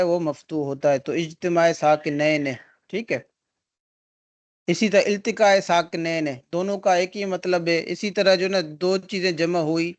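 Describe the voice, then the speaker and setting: A male teacher giving an online grammar lesson, explaining step by step and answering his own questions. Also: high-pitched. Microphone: video call.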